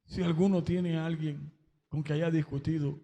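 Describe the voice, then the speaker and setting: Man with a high voice telling his church testimony slow and emotional, big echoey hall. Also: fairly even intonation, mellow. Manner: emotional, breaks into exclamations of praise. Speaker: testimony speaker at a church service. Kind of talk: spoken religious testimony.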